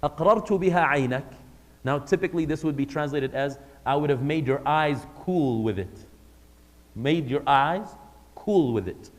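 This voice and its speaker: A man's voice: medium pitch, measured pace. A man giving a religious lesson to a live class, speaking conversationally and putting questions to the audience. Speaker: religious teacher. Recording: long hall reverb.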